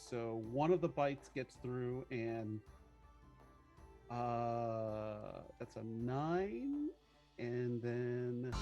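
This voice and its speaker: A man's voice: mid-range voice, darkish tone. A man chatting casually as a tabletop game player, joking and muttering through his numbers.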